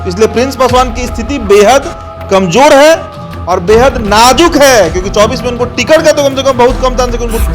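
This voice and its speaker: A man giving political commentary, assertive and explaining step by step with frequent fillers. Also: very high voice. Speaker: political analyst.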